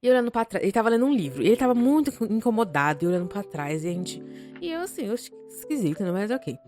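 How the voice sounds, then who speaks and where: A young Brazilian woman tells a story on a podcast, casual and full of slang and swearing, her voice sitting at a middle pitch. Her loudness jumps up and down as she gets caught up in the tale, and faint music plays softly behind her. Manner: animated, slangy and profane, quick shifts in loudness. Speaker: podcast co-host.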